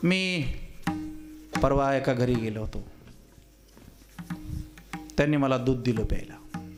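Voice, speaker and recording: A man preaching a kirtan sermon, telling humorous stories and questioning the crowd, swinging between loud exclamations and quiet asides. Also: medium pitch, expressive, takes it slowly, over music. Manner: teasing, asks the audience questions.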